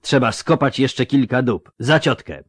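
A man's voice: medium pitch, animated, unhurried, slightly rough, no room sound, studio quality, pitched above the performer's own voice. A man doing a cheeky young girl fighter.

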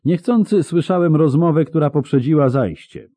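A man's voice: a little high, moderate pace, mellow, dry recording, pitched above the performer's own voice, natural voice. A man voicing a tall, sly male half-elf who speaks in a suave, condescending way in an audiobook.

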